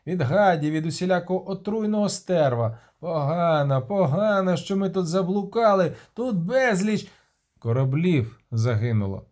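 A man voicing an excitable male sailor who shouts in alarm, in an audiobook reading. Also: medium pitch, voice pushed down, close to an everyday voice. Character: loud agitated male sailor, quick to panic.

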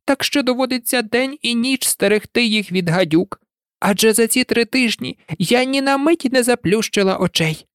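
A reader voicing a frantic, shrill female pigeon who scolds and shrieks in a storybook recording. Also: moderate pace, clear, resonant tone, dry recording, clean studio sound, close to an everyday voice. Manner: scolding, indignant, breaking into cries. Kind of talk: audiobook reading.

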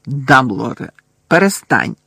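A man with a gravelly, husky voice reading a story aloud and playing a pompous, defensive middle-aged male minister of magic in a blustering, dismissive way. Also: medium pitch, animated, a little slow, dry recording. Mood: irritated.

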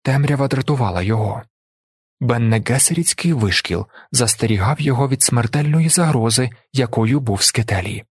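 A man narrating an audiobook in a measured, even storytelling manner. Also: mid-range voice, husky, no room sound, studio quality. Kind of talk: scripted narration.

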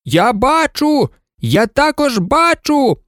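A narrator voicing an excitable toy pilot who shouts eagerly in a storybook. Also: mid-range voice, measured pace, creaky, dry recording, studio quality, voice pushed up. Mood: excited.

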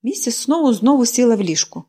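A woman reading a storybook aloud with an expressive, animated delivery. Her voice sits fairly high and swings widely in pitch. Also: a little fast, husky. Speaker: audiobook narrator. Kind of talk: storybook narration.

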